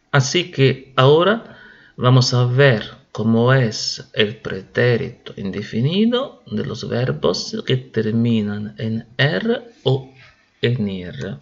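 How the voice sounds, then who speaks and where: A man teaching a grammar lesson at a very slow, careful pace, with a mid-range voice. He drills verb forms in repeated lists, his voice falling at the end of each list. The voice-over recording sounds slightly dull and muffled. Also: mid-range voice. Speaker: Spanish teacher.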